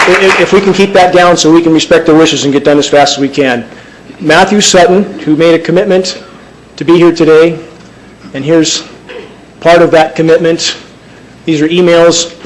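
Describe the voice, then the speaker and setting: Insistent higher-voiced man testifying. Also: slight background noise, low-quality recording. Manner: insistent, emphatic, stumbling restarts. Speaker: public speaker. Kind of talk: testimony at a public hearing. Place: crowded public meeting room.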